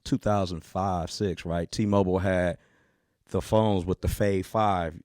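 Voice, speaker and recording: Dude on a comedy podcast spinning a story, low mellow voice, dry close mic. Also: male voice, unhurried, dry recording. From United States. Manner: animated storyteller, acts out voices of callers. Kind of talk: casual storytelling chat.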